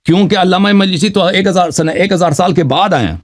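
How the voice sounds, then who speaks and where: A man arguing in a heated religious debate on a live call-in show, pressing the same pointed questions again and again. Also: sits high. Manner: insistent, repeats pointed questions.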